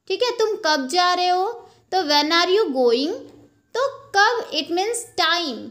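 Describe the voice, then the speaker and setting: A young woman teaching an English grammar lesson from slides, explaining slowly and checking in with "ok" after each point. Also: very high-pitched, a bit bright. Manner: slow, explanatory, repeats points with "ok" and "theek hai". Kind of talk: slide-based lesson, Hindi with English terms.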